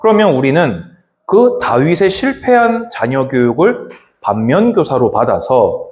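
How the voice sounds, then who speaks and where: Animated male pastor preaching. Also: medium pitch. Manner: animated preaching, slows down to stress scripture; asks the congregation questions. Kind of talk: sermon.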